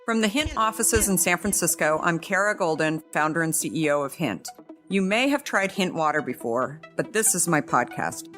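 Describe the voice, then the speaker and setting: A woman's voice: lowish voice, expressive, moderate pace, fairly bright tone, faint music behind. A woman hosting a podcast, upbeat and friendly as she introduces and interviews a guest. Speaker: podcast host.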